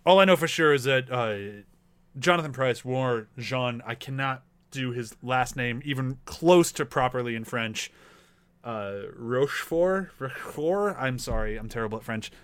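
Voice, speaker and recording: A man's voice: mid-range voice, moderate pace, a bit bright, smooth. A man in a casual film discussion, talking in a rambling way and acting out imagined quotes as he goes. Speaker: movie review panelist.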